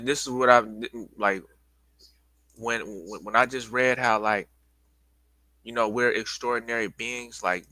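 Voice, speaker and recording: A man leads a casual livestream talk, stumbling over restarts and stopping to catch his breath. His voice is a touch low yet bright and pushing. The sound is dry and close, with no room around it. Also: dry recording, rough recording. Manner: loose, repetitive, addresses viewers as y'all. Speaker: livestream host giving a presentation.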